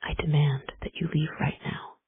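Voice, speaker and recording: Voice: medium pitch, level tone, normal speed, husky, dry recording. A blustering middle-aged uncle, whispered by a narrator. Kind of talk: whispered role-play. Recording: dry, tinny phone-like sound.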